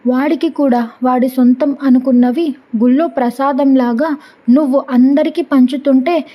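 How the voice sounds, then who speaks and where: Woman reading defiant wife's lines, angry, stubborn, high-pitched. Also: steady tone, normal speed, muffled recording. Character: fierce stubborn wife, adult woman.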